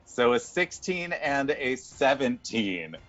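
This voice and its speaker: A man's voice: medium pitch, very animated, slow pace, muffled recording. A man running a tabletop game as game master, narrating scenes and talking with the players. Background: music.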